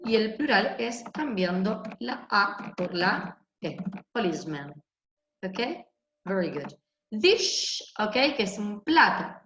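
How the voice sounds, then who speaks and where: A woman's voice: mid-range voice, very animated, takes it slowly, fairly bright tone. Teacher woman in an echoey room. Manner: explains in Spanish, tags most lines with "ok?". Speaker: English teacher. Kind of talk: recorded online class explanation. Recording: echoey room, dull lo-fi sound, faint hiss.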